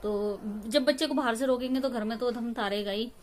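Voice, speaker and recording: A rambling woman vlogger in her thirties chats to viewers from her room at home, speaking in a fairly high voice. Faint ambient noise sits behind her phone recording. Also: brisk. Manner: rambling, emotional, many restarts and fillers. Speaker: family vlogger. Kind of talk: casual chat to viewers.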